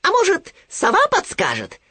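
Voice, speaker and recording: A man voicing a small, timid, excitable male piglet with a squeaky, stammering, eager delivery. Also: moderate pace, no room sound, heavily acted. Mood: excited.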